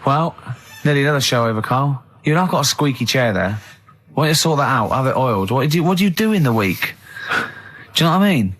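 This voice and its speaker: A man's voice: medium pitch, lively intonation, fast talker, a bit bright. A man with an English accent hosting a radio show, chatting and teasing as he rambles through stories. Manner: chatty, rambling storyteller who teases. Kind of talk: casual radio banter and anecdotes. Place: radio studio.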